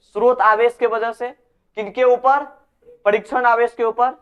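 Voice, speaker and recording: Male teacher, high smooth voice, quizzing students through a lecture on a lo-fi recording. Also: flat delivery, unhurried. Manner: repeats key terms as questions, scolds students. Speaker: physics teacher. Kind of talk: classroom lecture. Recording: dull lo-fi recording.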